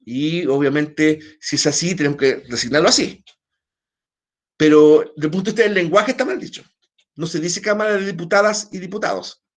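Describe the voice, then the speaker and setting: A man with a Chilean Spanish accent teaches an online class, his voice on the high side and a little fast. He explains at length in a loose, flowing way, restarting hesitantly and often checking in with tag questions.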